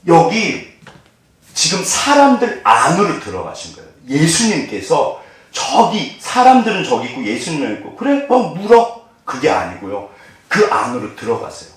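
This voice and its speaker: Male pastor, fairly high voice, animated question-and-answer sermon, recorded from a distance in a very echoey sanctuary. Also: normal speed. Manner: asks the congregation questions and answers them himself; animated, acts out quoted voices. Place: church sanctuary. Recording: very echoey hall, mic at a distance.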